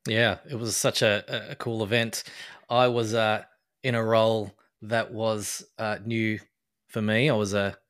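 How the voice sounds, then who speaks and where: A man's voice: fairly low pitch, level tone, unhurried, a bit bright. Enthusiastic man hosting a podcast. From Australia. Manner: enthusiastic, hesitant with fillers. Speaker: podcast host. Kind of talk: casual podcast interview.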